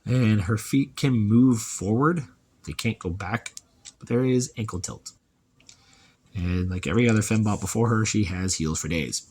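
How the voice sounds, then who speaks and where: A man with a fairly low voice walks through a toy review in a relaxed, chatty way, musing aloud as he goes. Faint clicks and handling sounds sit quietly behind him. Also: normal speed, a little hiss or hum.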